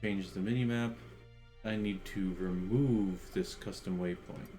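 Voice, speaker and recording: A man casually commenting while playing a video game, thinking aloud in a relaxed way. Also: lowish voice, a little slow, faint music behind. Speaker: game streamer.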